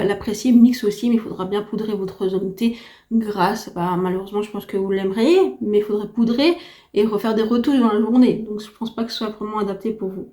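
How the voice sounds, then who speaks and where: A woman's voice: mid-range voice, dark tone. A woman giving a chatty, enthusiastic beauty review to camera, her unsteady voice giving out after a heavy cold. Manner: chatty, enthusiastic, repetitive emphasis. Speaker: beauty vlogger. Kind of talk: casual product review to camera.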